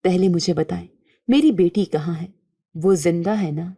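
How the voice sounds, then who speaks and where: A woman voicing a grieving young mother in a spoken storybook, speaking with soft, earnest pleading. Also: on the low side, husky, no echo, clean studio sound. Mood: urgent.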